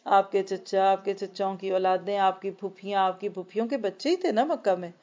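A woman giving a Quran lesson to women, explaining earnestly with rhetorical questions and slowing right down to recite verses. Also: medium pitch, mellow. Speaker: Quran teacher. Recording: dull lo-fi recording.

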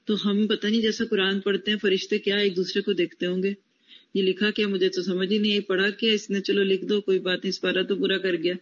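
A woman's voice: mid-range voice, flat delivery. Casting note: female Quran teacher, explains, quizzes students on word roots, praises answers, dull lo-fi classroom recording.

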